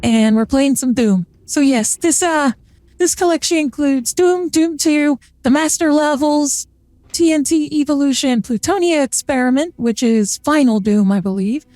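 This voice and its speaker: A streamer using a feminizing voice changer rambles casually over gameplay, packing in fillers, as a VTuber. The voice sits high with a darkish tone at normal speed, and there is no room sound.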